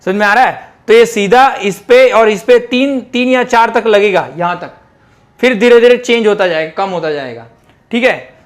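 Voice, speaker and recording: A man with a notably high-pitched voice teaches a chemistry class. He works through each point step by step, mixing technical into his speech and pausing often to ask whether the students understand. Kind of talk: classroom lecture.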